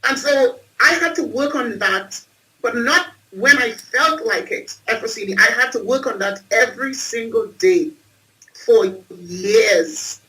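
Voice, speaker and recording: A woman's voice: fairly high pitch, a little slow, pushed and bright, recorded from a distance, rough recording. A woman from Trinidad and Tobago, telling her life story emphatically as an interview guest on a video call. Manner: emphatic, repeats phrases for effect. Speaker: guest, entrepreneur and speaker.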